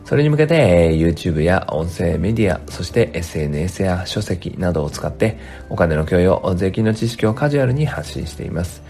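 A man's voice: deep voice, very animated, fairly quick, hardly any pauses, darkish tone. A male tax accountant hosting his own podcast from his home work room, talking in a chatty, rambling way with lots of fillers, his voice dry and strained in the morning. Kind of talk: casual solo podcast talk. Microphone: home studio mic.

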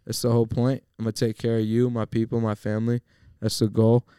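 A man's voice: medium pitch, monotone, fast, dark tone, clean tone, no room sound, studio quality. A man guesting on a podcast, chatting casually and rambling with lots of fillers. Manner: laid-back, rambling with many fillers.

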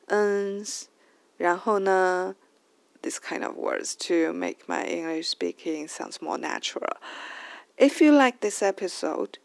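Chinese-accented woman with a gravelly voice. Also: lowish voice, dry recording. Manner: thinks aloud with many fillers and restarts; sings out stressed syllables to demonstrate rhythm. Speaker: host of language tips show. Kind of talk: casual spoken English lesson.

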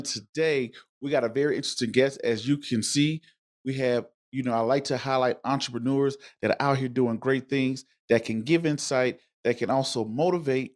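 Guy interviewer, medium pitch, chatty and kinda rambling, informal. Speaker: interviewer and host. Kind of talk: casual live interview.

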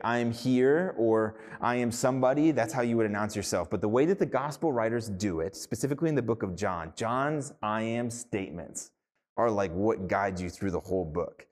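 Male pastor, slightly low voice, relaxed sermon delivery full of "like" and "um", long church reverb. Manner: casual, animated preaching with many fillers.

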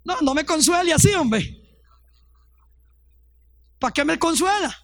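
A woman's voice: high voice, lively intonation, unhurried, dry recording, studio quality. Fervent woman pastor preaching. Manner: fervent storytelling, acts out quoted voices. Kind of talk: testimony sermon.

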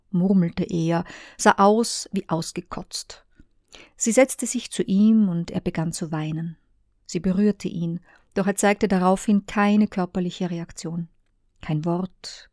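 A woman narrating an audiobook in a hushed voice that often drops to a whisper. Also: on the low side, no room sound, studio quality.

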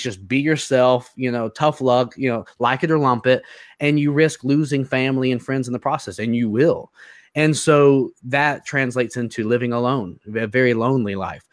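A man in an interview telling his own story, earnest and halting, often repeating words as he searches for them. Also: medium pitch, no echo, clean studio sound. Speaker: interview guest. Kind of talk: personal testimony in an interview.

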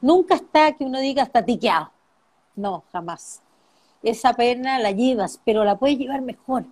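A middle-aged woman in an interview, speaking softly and reflectively about grief, often repeating phrases for emphasis. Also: fairly high pitch, animated, normal speed. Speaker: interviewee, bereaved mother and author. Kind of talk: emotional personal interview.

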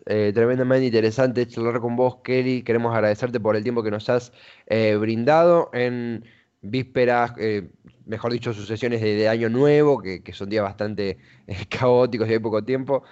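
In a conversational interview styled like radio, a man with an Argentine accent speaks in a mid-range, slightly mellow voice over dull audio. He's long-winded and often hunts for his words.

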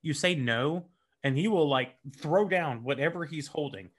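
A man's voice: on the high side, normal speed, breathy edge. A man co-hosting a podcast, joking and rambling casually about his own kids. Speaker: podcast co-host and father. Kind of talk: casual chat.

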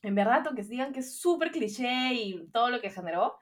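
A young woman guest in casual podcast chat, relaxed and laughing easily. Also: on the high side, fairly quick.

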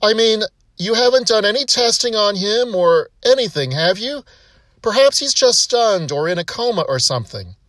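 A man's voice: sits high, animated, moderate pace, a bit bright, no room sound, pitched above the performer's own voice, poor audio. A man voicing a distraught woman pet owner who pleads and protests. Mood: pleading. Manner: pleading, rising to a shriek.

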